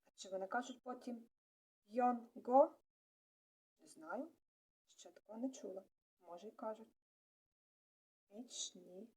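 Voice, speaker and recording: Woman teaching a relaxed language lesson. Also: fairly high pitch, measured pace, long pauses, husky. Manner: explains step by step, with hesitant fillers. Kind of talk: casual online language lesson.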